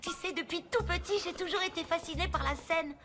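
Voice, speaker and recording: Very high-pitched eager cartoon boy. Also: a little fast. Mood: earnest. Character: eager, geeky young schoolboy sidekick. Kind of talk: French animated comedy dub. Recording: music behind.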